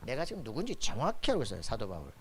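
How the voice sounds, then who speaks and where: Lively, emphatic preaching man. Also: mid-range voice, racing, a little hiss or hum. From Korea. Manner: call-and-response questions to the congregation, emphatic. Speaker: pastor. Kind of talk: sermon. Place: church sanctuary.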